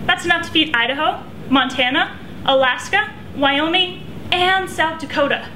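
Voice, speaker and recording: A woman's voice: very high voice, moderate pace, bright, forceful tone. A woman with an American accent delivers a memorized contest speech in a stiff, rehearsed, declamatory way. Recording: echoey room with clear background noise.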